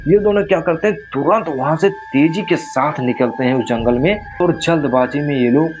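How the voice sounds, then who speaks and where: A man's voice: on the high side, normal speed, lo-fi sound, music in the background. A man narrating a horror story in a casual, conversational way, speaking straight to the listener. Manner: conversational, addresses listener directly.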